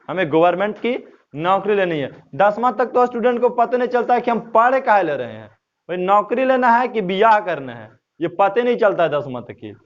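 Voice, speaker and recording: High-pitched male maths tutor, quizzes himself aloud, dull lo-fi sound. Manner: addresses students as "babu", asks and answers his own questions. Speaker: maths teacher. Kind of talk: classroom maths lesson. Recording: dull lo-fi recording.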